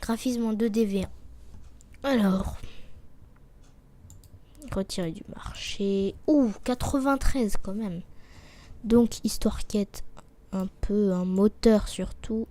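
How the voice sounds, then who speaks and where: A woman giving casual commentary while playing a game, reading the on-screen text aloud and muttering to herself, sometimes dropping to a quiet whisper as she thinks. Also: medium pitch, takes it slowly, long pauses. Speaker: let's play gamer.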